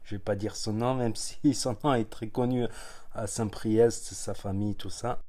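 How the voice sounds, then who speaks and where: A man's voice: on the low side, steady tone, normal speed, mellow. Rambling man commenting casually. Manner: rambling, chuckling asides. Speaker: reaction video host. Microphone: phone.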